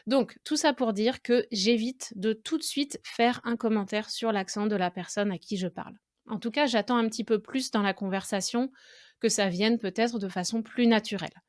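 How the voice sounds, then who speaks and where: A woman from France with a French accent, a podcast host and language teacher, talking through a conversational lesson in a thoughtful, musing way with frequent pauses. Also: a little high, darkish tone, dry recording, studio quality.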